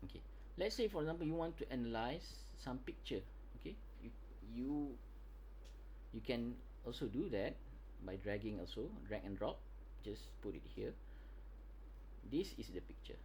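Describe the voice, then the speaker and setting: A man with a Malaysian accent gives an informal software tutorial to a class in colloquial Malaysian English, halting and repeating himself as he checks that listeners follow. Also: mid-range voice, expressive, slight background noise. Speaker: software trainer.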